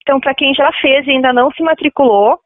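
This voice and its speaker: A woman's voice: sits high, fast, no echo. A woman coordinating a university campus, interviewed on radio over a landline phone, explaining with frequent fillers and a habitual "tá?". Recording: tinny phone line on radio.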